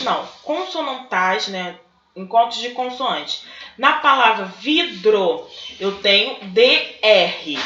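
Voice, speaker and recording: Slow, bright-voiced woman teacher. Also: fairly high pitch. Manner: slow and deliberate, breaking words into syllables. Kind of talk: recorded lesson working through textbook exercises. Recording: dull, echoey room recording.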